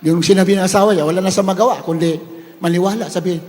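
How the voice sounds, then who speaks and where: Male preacher, high-pitched, storytelling sermon with shouted peaks; long hall reverb. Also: steady tone, very fast. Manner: swings from hushed retelling to shouted praise.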